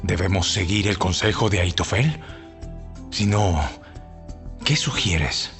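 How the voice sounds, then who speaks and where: A man's voice: deep voice, slow, creaky, fairly bright tone, heavily acted. An actor playing a commanding male rebel prince seeking counsel in an audio Bible drama. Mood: commanding, questioning. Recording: music behind.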